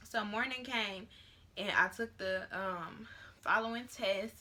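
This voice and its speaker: A young woman in her late teens tells a personal story to a camera set on a tripod at home. Her tone is bright and forward, and her delivery is loose and chatty, full of ums and likes. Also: mid-range voice, slow. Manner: chatty and rambling, with many fillers. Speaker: vlogger. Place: at home, near her bedroom.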